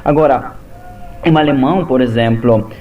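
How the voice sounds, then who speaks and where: Halting man teaching pronunciation. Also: medium pitch, phone-quality sound, soft background music. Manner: slow, halting, methodical explaining. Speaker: Hebrew teacher. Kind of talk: language lesson.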